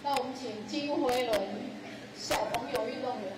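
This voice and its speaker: A woman's voice: fairly high pitch, moderate pace. A woman with a Taiwanese Mandarin accent, announcing speakers as master of ceremonies. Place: crowded sports venue at opening ceremony. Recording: very echoey hall, loud noise, crowd, distant.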